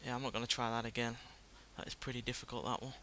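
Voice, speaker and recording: A man's voice: mid-range voice, flat delivery, very fast. A man hosting a video game playthrough with casual, understated, rambling commentary. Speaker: gaming video host. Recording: loud car engine noise behind voice.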